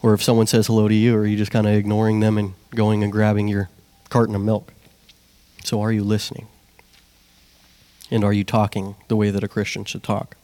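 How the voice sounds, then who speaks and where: A young man delivers a sermon with a slightly low-pitched voice. He talks plainly and conversationally, asking the congregation question after question, with the odd restart along the way. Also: completely flat delivery, brisk, pauses often, dark tone, no echo. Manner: asks the congregation one question after another. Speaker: lay preacher.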